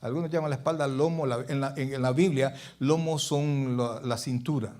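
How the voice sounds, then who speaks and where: A middle-aged male pastor delivers a church sermon, posing questions to the congregation and moving between loud and quiet passages. His mid-range voice keeps a steady tone at a moderate pace.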